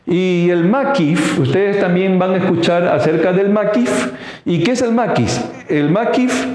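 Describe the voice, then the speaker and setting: A man with a somewhat high voice gives a slow, halting lesson. He fills gaps with "eh" and keeps checking that listeners follow. His voice rings out in a very echoey room. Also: darkish tone. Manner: halting, many fillers, checks in with "¿sí?". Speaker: teacher. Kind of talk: slow recorded lecture.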